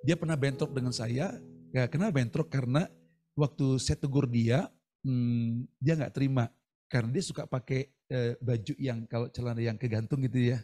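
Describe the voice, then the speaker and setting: A man preaching a sermon over a video call, telling stories in an animated, chatty way. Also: mid-range voice, moderate pace. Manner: animated, chatty storytelling with laughs. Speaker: pastor. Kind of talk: storytelling sermon.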